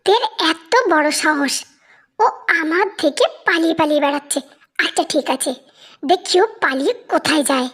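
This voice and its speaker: Someone doing a slow, sulky young man. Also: high voice, a bit bright. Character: brooding young man hunting his bride. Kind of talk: fan audio drama.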